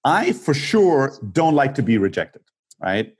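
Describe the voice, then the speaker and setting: An outspoken man in his forties hosts a casual conversation, loud and emphatic as he makes his points. His voice is a little husky, sitting at an ordinary middle pitch. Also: very animated, measured pace. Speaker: podcast host.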